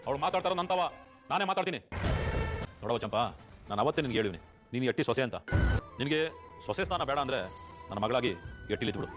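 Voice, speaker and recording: A middle-aged actor in a TV serial playing an authoritative village politician and family head, firm and commanding. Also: male voice, medium pitch, expressive, fast, long pauses, natural voice. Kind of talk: TV serial acting. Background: background music score.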